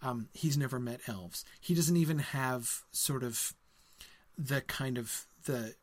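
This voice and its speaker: A man with a medium-pitched voice speaks slowly while hosting a live book discussion stream and answering viewers. He's hesitant, says "um" a lot, and ends his points with "right?" Between his comments he reads passages aloud.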